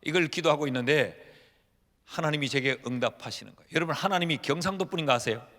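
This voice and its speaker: A man in his fifties preaches from the pulpit with a rather high voice. He tells stories with humor and acts out prayers as lively dialogue. A long church-hall reverb trails each phrase. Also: fast. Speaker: pastor. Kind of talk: sermon. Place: church sanctuary.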